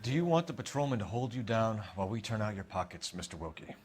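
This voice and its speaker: An actor playing a composed, methodical 1940s American detective in a crime drama game, speaking in a formal, probing, clipped manner. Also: male voice, fairly low pitch, sing-song, fast talker, darkish tone, faint music behind. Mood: threatening. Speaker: police detective in a video game. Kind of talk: acted crime drama dialogue.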